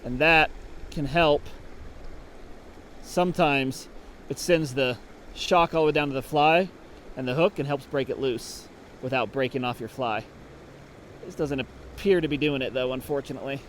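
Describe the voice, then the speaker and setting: A man's voice: mid-range voice, normal speed, a bit bright, slight background noise. A man explaining fly fishing technique while fishing outdoors, talking casually and thinking aloud. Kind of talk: on-the-water instruction. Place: outdoors at a creek.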